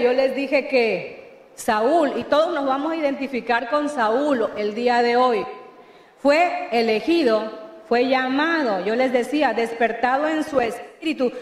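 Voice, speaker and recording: A woman pastor with a Mexican Spanish accent, preaching a sermon and often asking the congregation questions. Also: high voice. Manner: emphatic preaching with call-and-response questions. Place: church hall. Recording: echoey church hall, long reverb.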